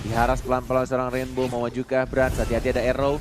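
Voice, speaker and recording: A man with an Indonesian accent giving live play-by-play esports commentary, excitable and shouting rapid calls at big moments. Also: medium pitch. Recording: loud music under the commentary.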